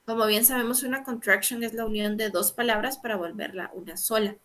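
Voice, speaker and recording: Lady teacher, bright clear voice, keeps asking verdad, patient explainer. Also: fairly high pitch, fairly even intonation, brisk. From Guatemala. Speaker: English teacher. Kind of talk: online lecture explaining grammar.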